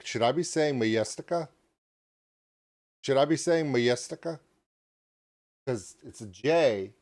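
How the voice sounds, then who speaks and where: Rambling, excitable reaction host, male. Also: lowish voice. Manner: rambling and excitable, jokes at his own expense. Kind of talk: reaction commentary.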